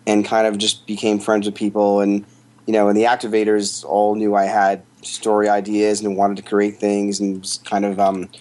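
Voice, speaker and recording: A man's voice: lowish voice, completely flat delivery, moderate pace, a little mellow. A man, a photographer, answering questions in a casual interview with rambling, thoughtful explanations. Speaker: guest, photographer.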